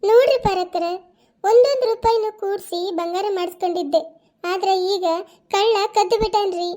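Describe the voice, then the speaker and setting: A wailing older village woman from a cartoon, played by a woman, shrill voice, complaining lament. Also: moderate pace, mellow.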